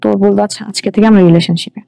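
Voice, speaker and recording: She talks very fast at a medium pitch with fairly even intonation, her voice creaky and warm. A young woman with a Bangladeshi Bengali accent, she narrates her own story colloquially with English words mixed in, appearing as an interview guest over background music.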